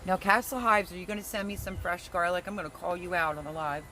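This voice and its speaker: Talking fast, a laid-back gardening host reads out comments from the livestream chat and playfully ribs viewers. The voice is mid-pitched, while hiss and passing cars run steadily in the background.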